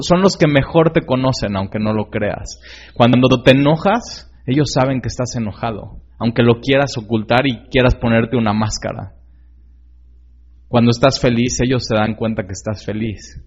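A man preaches a sermon earnestly and conversationally, often putting direct questions to the listener and using many fillers and tag questions. His medium-pitched voice is a little mellow and breathy, at normal speed, in a slightly dull lo-fi recording.

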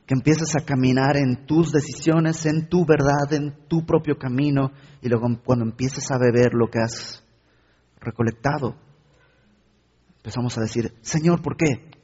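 Husky-voiced male preacher. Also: medium pitch, fairly even intonation, normal speed, mellow. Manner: asks the listener direct questions. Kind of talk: sermon. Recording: dull recording in an echoey hall.

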